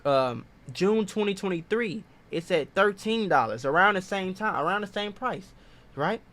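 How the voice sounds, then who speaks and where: High-voiced guy breaking down crypto buying, pushy and repetitive, real sure of himself. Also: animated, moderate pace, a bit bright. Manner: emphatic and repetitive, self-assured. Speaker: finance video host. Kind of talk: casual investing explainer.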